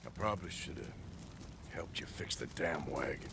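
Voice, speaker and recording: An actor playing a gruff, weary middle-aged cowboy outlaw in a video game, talking in a low-key, muttered drawl. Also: male voice, expressive, unhurried, full character voice. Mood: grumbling. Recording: game audio with clear background noise.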